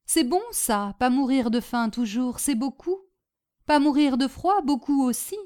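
A woman's voice: sits high, a little slow, a little mellow, voice pushed up. A woman voicing a young Polish exile man who speaks broken French with a Polish accent in short, simple phrases. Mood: grateful.

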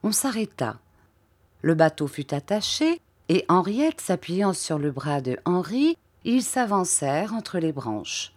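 A woman narrating a classic novel in a measured, unhurried reading voice. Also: on the low side, sing-song, darkish tone, dry recording. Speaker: audiobook narrator. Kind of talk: scripted literary narration.

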